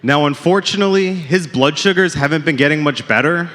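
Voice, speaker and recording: A man's voice: on the high side, fairly quick, fairly bright tone. Self-deprecating male stand-up comic. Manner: self-deprecating, punchline-driven, addresses crowd as folks. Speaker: stand-up comedian. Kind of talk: stand-up set. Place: comedy club stage. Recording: live club with long reverb.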